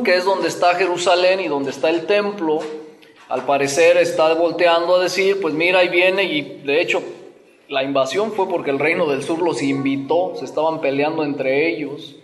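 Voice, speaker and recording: A man preaching a sermon, telling stories in an animated way and acting out mocking voices. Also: a little high, in a large hall.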